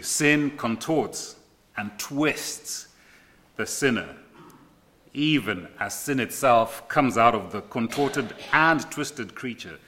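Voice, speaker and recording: A middle-aged man preaching a sermon, repeating key phrases with emphatic, deliberate pauses. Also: medium pitch, sharp tone. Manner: slow deliberate delivery with dramatic pauses.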